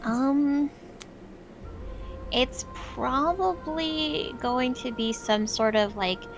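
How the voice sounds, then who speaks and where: Slow, hesitant woman with music behind. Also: high voice. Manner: hesitant, thinking aloud. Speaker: tabletop game player. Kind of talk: casual improvised game chat.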